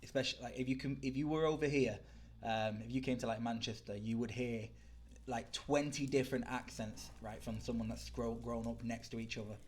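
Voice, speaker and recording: A man's voice: mid-range voice, steady tone, brisk, hardly any pauses, slight background noise. A young British man chatting casually while gaming live, rambling and answering viewer chat. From Britain. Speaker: livestreamer.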